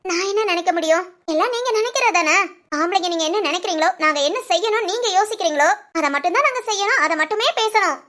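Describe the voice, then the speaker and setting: A hurt young wife with a very high, thin voice, crying as she speaks. She talks in a plaintive, complaining way, and sobs break through her lines. This is cartoon family-drama voice acting. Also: expressive, fast talker, bright, forceful tone, heavily acted. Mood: bitter. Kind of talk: animated family story voice acting.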